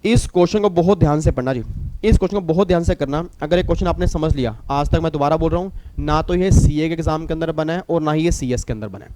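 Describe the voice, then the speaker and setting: Lively Indian man teaching tax. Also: on the high side, fast talker, dry recording. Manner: lively, repeats points, scolds and teases students. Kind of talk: recorded classroom lecture.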